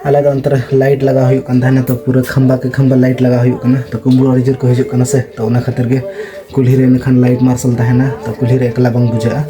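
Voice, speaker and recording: A man's voice: mid-range voice, completely flat delivery, brisk. A man chatting casually as a vlogger outdoors at night, laughing often. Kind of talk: casual vlog chat. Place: outdoors at a lit-up night event. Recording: busy crowd noise around.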